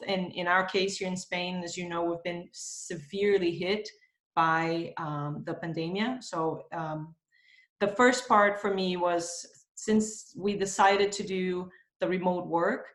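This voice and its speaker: A woman's voice: on the low side, fairly bright tone, reverberant. Thoughtful Brazilian-born woman on a video call. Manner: thoughtful, many fillers. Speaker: marketing executive guest. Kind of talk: remote video interview. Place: home in Spain.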